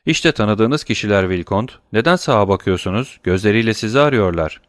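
A man voicing a worldly, fatherly gentleman of thirty in an audiobook, close to his own low voice. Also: lively intonation, brisk, dry recording, close to an everyday voice. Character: thirty-year-old gentleman, worldly and paternal.

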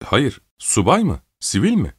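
A man voicing a shy young woman who answers quietly and meekly in an audiobook. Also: mid-range voice, huge pitch swings, measured pace, husky, no echo, clean studio sound, pitched above the performer's own voice, full character voice. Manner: soft, meek.

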